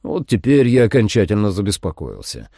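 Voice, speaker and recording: A man narrating a first-person monster-hunting audiobook in a steady storytelling voice. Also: on the low side, a little fast, dry recording, studio quality.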